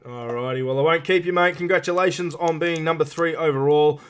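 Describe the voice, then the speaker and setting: Clear, higher-voiced man hosting interviews. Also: steady tone. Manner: matey, informal, halting questions. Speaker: show host interviewer. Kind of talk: casual live interview hosting.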